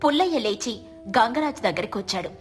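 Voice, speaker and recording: A woman giving calm, clear, scripted storybook narration for an animated moral tale. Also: fairly high pitch, brisk, soft background music.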